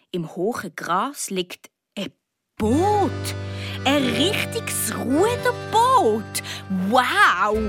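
A woman with a Swiss German accent narrating a children's story in the first person, slow and expressive in a child's voice. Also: a little high, dry recording, clean studio sound. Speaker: audiobook reader. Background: guitar music.

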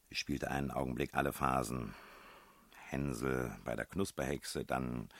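A man reading a novel aloud as first-person narrator, with wry, measured storytelling. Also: a bass voice, no room sound.

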